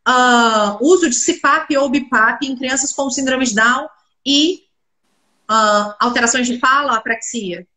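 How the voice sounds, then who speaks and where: Here the same congested speech therapist, fighting a cold, talks through an interview by raising questions only to answer them herself. She speaks high and sharp at a measured pace, and the echo of a roomy space surrounds her.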